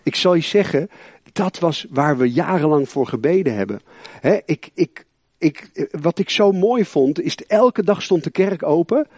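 A man pastor giving a lively sermon, talking with many restarts, repeated words and rambling asides. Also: a little high, measured pace, dry recording, clean studio sound.

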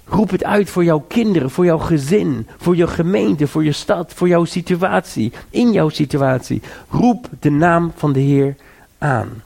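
Man, sermon, raspy, fry-edged, exhorting. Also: measured pace, darkish tone. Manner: earnest exhortation, repeats and rises in pitch to urge listeners. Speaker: preacher.

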